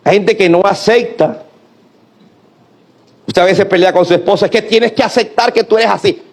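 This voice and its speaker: This middle-aged pastor has a high, darkish voice. During his sermon he poses rhetorical questions and leads the congregation in repeating his words back to him.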